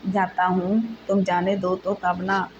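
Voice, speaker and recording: A woman's voice: fairly low pitch, slow pace, muffled recording. Woman reading as a tender young husband. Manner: tender, reassuring. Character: young man, loving devoted husband. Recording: steady background noise.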